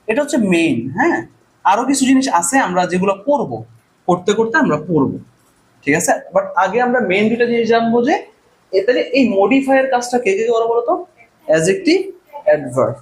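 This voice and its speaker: Male teacher, high animated voice, classroom drill style, faint room noise. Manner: repeats questions and answers in a drilling call-and-response. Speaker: English grammar teacher. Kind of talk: classroom lecture.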